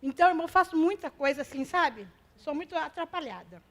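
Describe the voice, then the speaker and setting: Brazilian woman, very high-pitched, exclamatory testimony before a congregation. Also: lively intonation, fast. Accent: Brazilian Portuguese. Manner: emotional, self-deprecating, exclamatory. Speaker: church member giving testimony.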